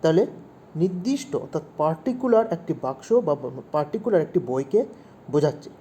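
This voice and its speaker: A man's voice: a little high, big pitch swings, a little fast, mellow, a little hiss or hum. A man teaching English grammar to young pupils, asking questions and repeating the main points. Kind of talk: explaining grammar to children.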